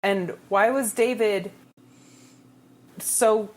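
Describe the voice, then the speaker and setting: Musing, mid-pitched woman podcaster. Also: steady tone, a little mellow. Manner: slow and musing, dry asides. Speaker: podcast co-host. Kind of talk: casual book-club chat.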